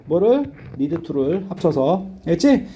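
Middle-aged guy teaching english class, high bouncy voice, keeps asking "got it?", faint hiss. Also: big pitch swings. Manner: checks understanding constantly with quick questions; casual, blunt. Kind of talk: classroom lecture.

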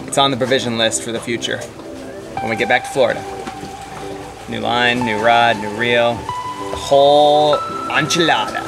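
A man in his thirties chatting playfully as a sailing vlogger on a boat. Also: mid-range voice. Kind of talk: casual chat. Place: outdoors on a sailboat.

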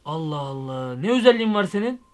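A young man doing a comic vlog monologue, excitable and rambling, full of slang. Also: fairly high pitch, fast. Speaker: YouTube comedian.

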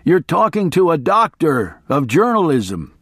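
A man voicing a reckless, wired male journalist who makes loud, brash declarations, in an audiobook reading. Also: on the high side, sing-song, a little slow, slightly rough, no echo, studio quality, pitched above the performer's own voice, heavily acted.

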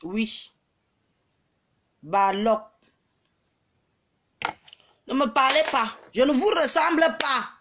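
A high-pitched woman delivers a scornful vlog rant. She taunts slowly, dragging her words out, then breaks into shouts and mocking laughter. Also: animated. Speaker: vlogger. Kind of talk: angry social media rant.

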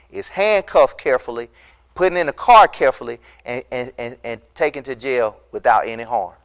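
A fairly high-pitched middle-aged man preaches as pastor to an empty church hall, his recorded sermon impassioned and emphatic, building to loud peaks. A lapel mic captures him.

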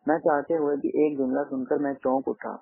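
Gravelly male audiobook narrator. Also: mid-range voice, level tone. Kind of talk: first-person novel narration. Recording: tinny phone-like dry sound.

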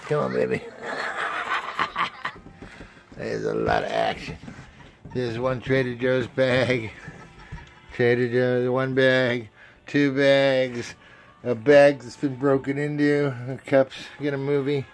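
A man's voice: mid-range voice, little pitch movement, slow. A man playfully narrating a casual home video of his young child at home, teasing and chatty. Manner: playful, teasing running commentary. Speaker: parent filming his child.

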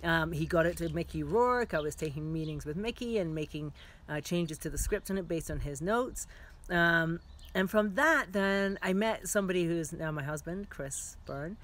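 Frank, animated middle-aged woman filmmaker. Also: lowish voice, moderate pace. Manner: animated, frank, heavy on "like" and "you know". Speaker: filmmaker giving career advice. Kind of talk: casual direct-to-camera advice.

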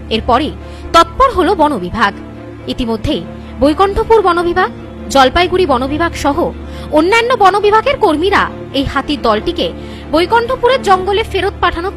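A young woman with an Indian Bengali accent reading scripted news as a presenter. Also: very high-pitched.

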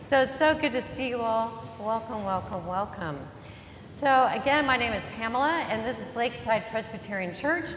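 A woman's voice: a little high, fairly quick, few pauses, fairly bright tone, slight background noise. A woman pastor giving an Easter sermon in a church, chatty and joking as she welcomes the congregation. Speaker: interim pastor. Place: church sanctuary. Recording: reverberant church hall, faint ambience.

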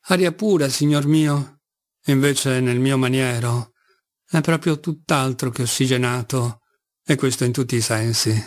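A man's voice: medium pitch, a little slow, lightly acted. A man reading an audiobook, voicing a poor middle-aged captain who talks in a theatrical, fawning and bitterly ironic way.

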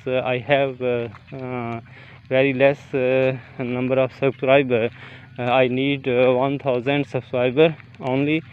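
A man vlogging outdoors on a golf course while walking, talking haltingly with many fillers into a phone camera. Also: medium pitch, lo-fi sound, slight background noise. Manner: halting, many fillers, non-native phrasing. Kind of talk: walking vlog, reciting prayers then casual talk. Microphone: phone camera held while walking.

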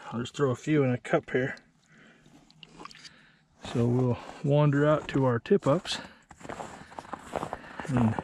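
Background noise accompanies a man with a mid-range voice as he explains his ice fishing gear on a frozen lake. He keeps it casual, plain and self-deprecating, recording on a body-worn action camera.

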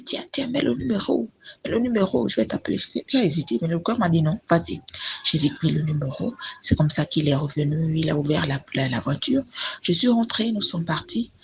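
A woman chatting casually through a long personal story, full of fillers and repeated words. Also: sits low. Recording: dull lo-fi recording with faint noise.

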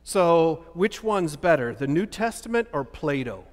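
A man in his fifties, a pastor, delivering an animated sermon full of rhetorical questions, standing and gesturing at a lectern in a large church sanctuary. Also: on the high side, a little slow. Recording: long church hall reverb.

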